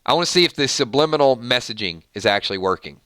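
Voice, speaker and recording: Bright-voiced Southern man streaming. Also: medium pitch, fast, no echo, clean studio sound. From Georgia, US South. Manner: chatty, laughs easily, animated. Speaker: livestream host. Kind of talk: casual livestream chat reading comments.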